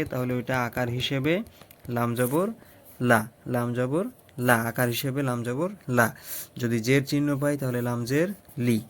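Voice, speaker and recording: Patient male Arabic tutor drilling syllables. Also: medium pitch. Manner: patient, repeats syllables, checks in often. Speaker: Arabic teacher. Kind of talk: step-by-step letter lesson.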